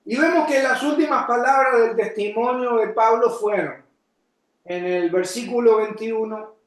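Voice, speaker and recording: High-voiced preaching man in an echoey church. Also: measured pace. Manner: preaching with sudden shouted emphasis; addresses congregation with questions. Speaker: pastor. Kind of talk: sermon.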